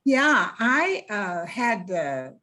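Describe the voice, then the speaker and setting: A woman's voice: medium pitch, very animated, very slow, sharp tone. An older woman, a retired diplomat turned author, speaking on a panel in a rambling, self-correcting way. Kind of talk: panel discussion.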